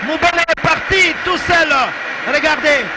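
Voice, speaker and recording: Congolese guy doing excited football commentary, really high voice, super loud noise all round. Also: measured pace. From Democratic Republic of the Congo. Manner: excited, emphatic, repeats phrases. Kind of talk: excited live sports commentary. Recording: very noisy stadium broadcast. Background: loud stadium noise.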